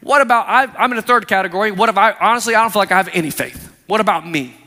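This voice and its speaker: A man's voice: sits high, rapid-fire, pushed and bright. A man preaching a sermon in an earnest, conversational way, quoting scripture to his congregation. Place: church sanctuary. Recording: long reverb of a church hall.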